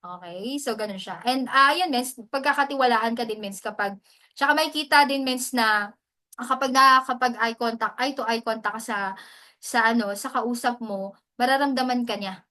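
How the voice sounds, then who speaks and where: A woman coaching in a loose, chatty way, her voice bright and forceful and set a little high. She drifts easily between her own language and English, as if talking over a video call. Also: moderate pace. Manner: chatty, mixes English into Tagalog, often adds "mens". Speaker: hosting mentor. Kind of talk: casual teaching talk.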